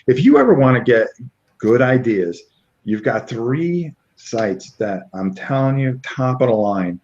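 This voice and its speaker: A man's voice: medium pitch, sing-song, measured pace, darkish tone. A man from Connecticut hosting a casual live-stream interview, rambling and tripping over names. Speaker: live show host. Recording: dull lo-fi stream audio.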